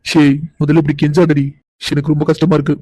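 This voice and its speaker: A pushy, doting young man from a cartoon, voiced by a man. He coaxes and insists in a fairly high, very flat voice. The sound is dry and close. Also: quick pace, dry recording, close to an everyday voice, low-quality recording. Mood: coaxing. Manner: coaxing, insistent. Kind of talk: cartoon voice acting.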